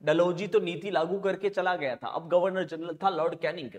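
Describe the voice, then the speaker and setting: A history teacher in his forties, speaking with a sore throat in a high-pitched voice, lectures exam students at a green board in an indoor studio classroom. He teaches deliberately, repeating key phrases and making asides to the students, recorded on a clip-on lapel mic.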